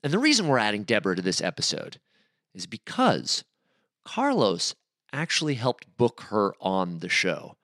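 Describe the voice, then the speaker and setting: A man hosting a podcast, narrating an introduction with lively enthusiasm. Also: fairly low pitch, normal speed, dry recording, clean studio sound. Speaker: podcast host. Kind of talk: scripted narration.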